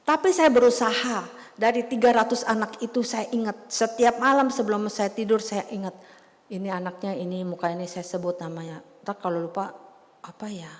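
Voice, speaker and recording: A woman in her fifties giving a chatty, storytelling sermon to a church congregation. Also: mid-range voice. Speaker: preacher. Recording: long church reverb.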